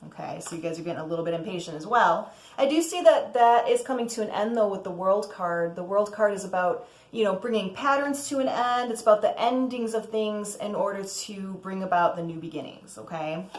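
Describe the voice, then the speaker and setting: A woman's voice: mid-range voice, fairly quick, few pauses, roomy sound. A woman giving a casual, chatty tarot reading as host, often checking in with "okay?" and letting out cheerful whoops. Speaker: tarot reader.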